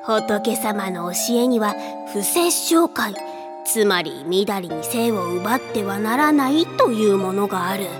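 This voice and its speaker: A woman playing a gentle old grandfather who speaks in a slow, old-fashioned way. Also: mid-range voice, lively intonation, music in the background, close to an everyday voice. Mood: kindly.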